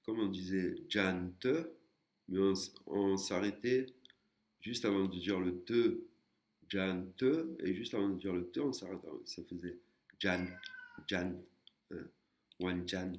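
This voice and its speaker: A man's voice: low-pitched, fairly even intonation, moderate pace, darkish tone. A man teaching a language lesson, explaining patiently step by step with frequent hesitations. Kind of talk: screen-recorded lesson.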